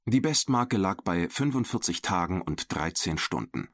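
Deep, expressive male storybook narrator. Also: normal speed, dry recording, clean studio sound. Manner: expressive, voices every character. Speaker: audiobook narrator.

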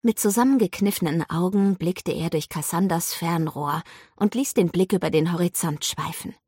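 A woman narrating a children's story in a calm storytelling manner. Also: on the low side, moderate pace, husky, dry recording, studio quality. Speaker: audiobook narrator.

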